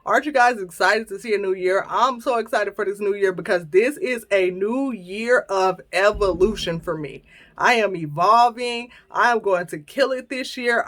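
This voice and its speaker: A woman in her thirties hosting her own vlog, chatting casually and playfully with viewers. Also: mid-range voice. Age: 30s. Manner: lively, chatty, playful storytelling. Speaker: channel host.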